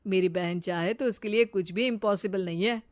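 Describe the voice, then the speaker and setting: A woman's voice: mid-range voice, a little fast, no echo, lightly acted. Woman voicing a proud, supportive big brother. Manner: praising, reassuring.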